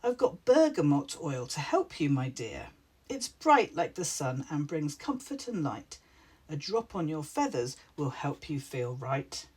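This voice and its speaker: A woman's voice: low-pitched, sing-song, measured pace, darkish tone, husky, exaggerated voice. A woman voicing a kind female witch in a storybook, speaking in a soothing, reassuring way. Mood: cheerful. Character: kind, gentle female witch, comforting friend.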